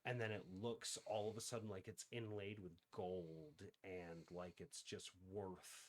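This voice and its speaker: A man with a fairly low voice running a tabletop game on a livestream. His narration is casual and loose, full of fillers as he describes each scene. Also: little pitch movement, measured pace. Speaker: game master.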